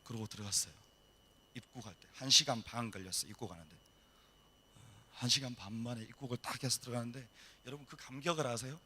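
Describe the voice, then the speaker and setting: A middle-aged male missionary telling a story in a sermon, acting out the dialogue in a lively way. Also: medium pitch, fast talker, long pauses, a little hiss or hum. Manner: animated storytelling, acts out dialogue. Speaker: missionary preacher. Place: church hall.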